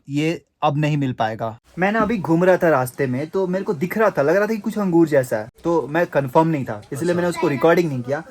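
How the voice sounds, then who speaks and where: A man's voice: a little high, a little mellow. A young man chatting casually as a travel vlogger in a mountain village, often calling viewers brother and friends. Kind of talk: casual travel vlog narration.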